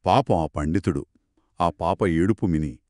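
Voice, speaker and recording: A man narrating a children's folk tale as a back-and-forth conversation, telling it with expressive, dramatic delivery. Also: low-pitched, a little slow, no room sound, studio quality. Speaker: storyteller. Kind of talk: children's story told as a two-voice conversation.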